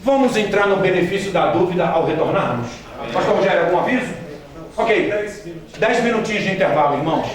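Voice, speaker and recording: High-voiced man preaching in an echoey hall. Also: lively intonation, fairly quick, crowd noise. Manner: jokey, addresses the audience directly with questions. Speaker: missionary speaker. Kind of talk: church training talk with humorous anecdotes. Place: large hall with a live audience. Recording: echoey hall from far off, audience audible.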